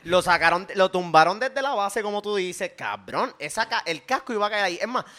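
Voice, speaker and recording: A young Puerto Rican man in an animated casual chat, chiming in often and swearing freely. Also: high voice, a little fast. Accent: Puerto Rican Spanish.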